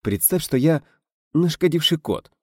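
A man doing a soft, playful actor coaxing his scene partner. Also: on the high side, lively intonation, measured pace, slightly rough, no room sound, studio quality, pitched above the performer's own voice. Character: shy, playful male actor on a film set.

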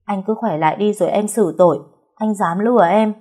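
A woman's voice: lowish voice, a little fast, warm tone, husky. A woman voicing an emotional young pregnant wife, pleading and scolding through tears in an audiobook story. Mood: tearful scolding. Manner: pleading, sobbing reproach. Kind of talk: audiobook character voice.

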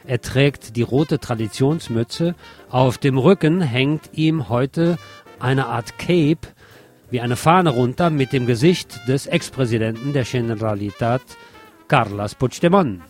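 Speaking at a measured pace in a mid-range voice, this middle-aged man delivers a scripted radio column full of satire and theatrical irony. The piece blends satirical commentary with literary reportage, and music runs underneath.

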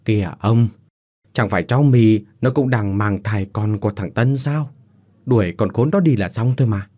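A man's voice: lowish voice, normal speed, mellow, natural voice. A man playing a scheming mother-in-law. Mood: scornful. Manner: scornful, dismissive.

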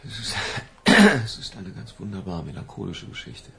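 An actor playing a lovesick middle-aged professor in a radio drama, hesitant, pleading and given to theatrical declaiming. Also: male voice, low voice, sing-song, normal speed, gravelly, fairly bright tone, full character voice. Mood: anxious, coaxing. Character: lovesick, feverish older professor, pleading and florid.

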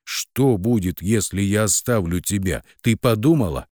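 A man's voice: deep voice, animated, takes it slowly, no echo, studio quality, heavily acted. A man voicing a cold, ruthless male hitman who speaks curtly and commands. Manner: icy, curt, commanding.

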